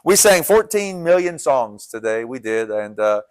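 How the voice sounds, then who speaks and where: A pastor preaches a sermon in a strong, coach-like voice of medium pitch, sing-song and smooth at a measured pace. He earnestly urges his listeners, repeating and restarting his phrases. The recording is dry.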